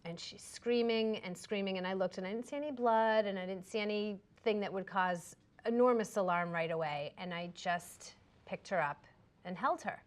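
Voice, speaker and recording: A woman speaking in an even, middle pitch, recounting an experience in a calm, unhurried manner. She is a craniosacral therapist talking things over in a relaxed conversation, reflective rather than dramatic. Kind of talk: casual conversation.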